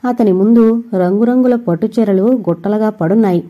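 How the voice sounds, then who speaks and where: A woman narrating an audio novel in a steady, scripted storytelling reading. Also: medium pitch, a little fast, narrow, tinny audio.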